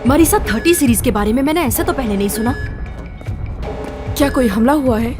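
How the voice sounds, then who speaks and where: A woman's voice: high voice, expressive, brisk. A woman voicing a worried female park staffer in a cartoon dub who asks anxious questions, with music behind her.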